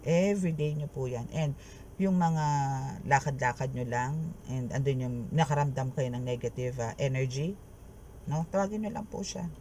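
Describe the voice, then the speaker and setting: Expressive tarot reader. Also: mid-range voice, normal speed, slight background noise. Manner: mixes Tagalog and English, keeps adding "no?" after phrases; expressive, laughing and exclaiming. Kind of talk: tarot reading for viewers.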